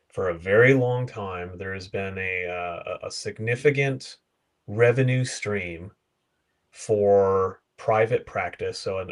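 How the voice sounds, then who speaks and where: Man, lowish voice, guest on video call, explanatory, casual chat, example-driven. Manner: explains with concrete examples, quick asides. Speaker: guest consultant.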